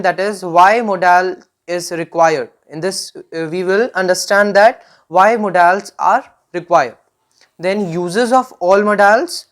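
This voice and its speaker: A woman teacher with an Indian English accent gives a slide-based grammar lesson. She switches between Hindi and English and keeps checking in with "right?" and "fine". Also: medium pitch.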